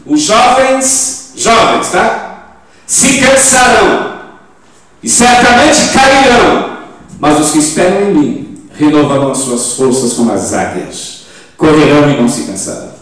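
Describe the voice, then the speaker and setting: Older man in his 70s, Brazilian accent, fiery sermon, fairly high voice, booming church echo. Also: very animated, a little slow. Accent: Brazilian Portuguese. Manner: emphatic preaching with sudden loud rises and rhetorical questions. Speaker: pastor. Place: church in Portugal. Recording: very echoey church hall, mic at a distance.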